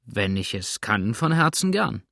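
Man doing a gruff old boatswain. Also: on the low side, very animated, measured pace, bright, forceful tone, no room sound, clean studio sound, full character voice. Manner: grumbling, blunt.

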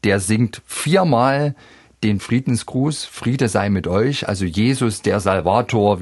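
A man explaining a Bach cantata on the radio in a measured, explanatory way. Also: lowish voice, darkish tone, slightly rough, no echo. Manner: measured, explanatory, quotes sung text in a lifted voice. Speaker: music expert guest.

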